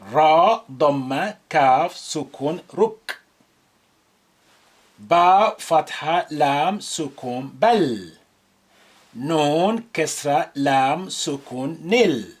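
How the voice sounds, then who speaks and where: An Arabic teacher reading a lesson drill, naming each letter and its vowel mark and then joining them into a syllable. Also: medium pitch.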